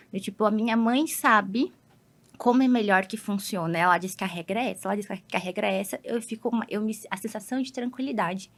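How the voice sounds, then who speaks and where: As a podcast guest, a psychologist with a Brazilian accent explains things patiently, drawing on everyday examples. Her voice is medium in pitch.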